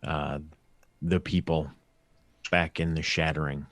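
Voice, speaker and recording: A man playing a tabletop game, talking casually with hesitant pauses. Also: extremely low pitch, flat delivery, fairly bright tone. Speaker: player.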